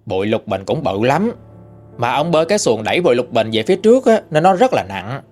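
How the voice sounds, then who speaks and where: A man's voice: medium pitch, very animated, a little fast, darkish tone. A man with a Southern Vietnamese accent telling a ghost story in a chatty, folksy way. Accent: Southern Vietnamese (Mekong Delta). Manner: chatty, conversational. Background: faint background music.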